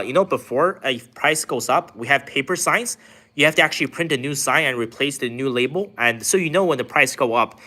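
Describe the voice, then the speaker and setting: Guy from china doing a casual livestream, bright voice, lots of "like" and "uh". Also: mid-range voice. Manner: rambling, filler-heavy talk with many "like"s. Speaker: livestream host reading chat. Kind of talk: casual live-stream chat.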